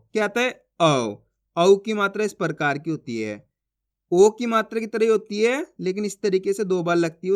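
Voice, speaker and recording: A man teaching a basic reading lesson, patient, repeating each syllable and often checking whether the listener has understood. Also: high-pitched.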